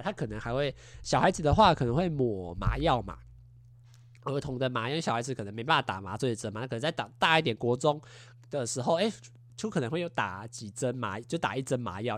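A man in his twenties hosting a podcast, telling a story in a casual, animated way and acting out what people said with little sound effects. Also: fairly high pitch, no echo. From Taiwan. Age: 20s. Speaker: podcast host.

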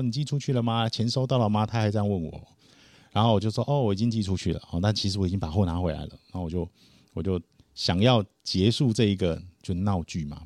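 Man, deep voice, dry, casual animated storytelling, acts out quotes. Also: creaky, dry recording. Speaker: podcast guest telling a story.

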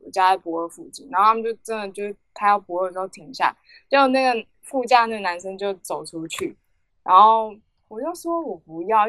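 A woman's voice: mid-range voice, a bit bright, no room sound. A young woman, rambling through a casual story on a podcast with many fillers and restarts. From Taiwan. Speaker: podcast co-host.

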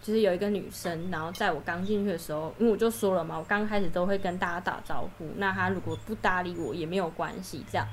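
A young woman chatting as a podcast guest, telling stories with lively energy and acting out what her coworkers said. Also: medium pitch, slight background noise. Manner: animated storytelling, acts out coworkers' lines. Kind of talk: casual podcast chat.

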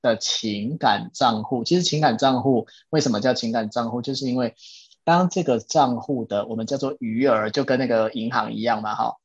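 A man's voice: mid-range voice, moderate pace, husky, dry recording. Patient man explaining in a dry, dull recording. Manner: patient, steady, repeats key points. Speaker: podcast host. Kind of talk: explaining a self-help book in casual chat.

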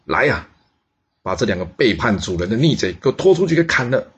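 A man's voice: lowish voice, a little fast, husky. A man voicing a stern ruler who speaks coldly and with command. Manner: cold, commanding. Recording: dull lo-fi recording.

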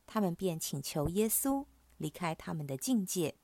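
A woman hosting a prayer program, reading scripture in a measured, solemn way. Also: lowish voice, big pitch swings, dark tone, no room sound.

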